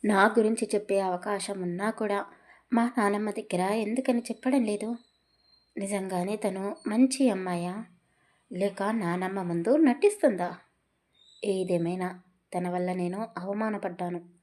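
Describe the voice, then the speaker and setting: A woman's voice: mid-range voice, a little slow, darkish tone, lightly acted. A woman voicing a mischievous young husband in an audio story, speaking with sly, forced politeness. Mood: annoyed. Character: teasing, mischievous young man, a new husband.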